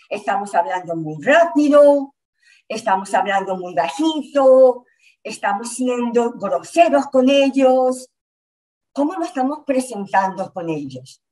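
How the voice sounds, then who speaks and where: A woman gives a community health lecture in a fairly high voice, speaking slowly and deliberately. She uses short phrases with pauses between them. She keeps checking in with her listeners, asking if they follow. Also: darkish tone, low-quality recording. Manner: patient, repeats points, checks in with "¿ok?" and "¿verdad?". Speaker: health educator. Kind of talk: slide-based community lecture.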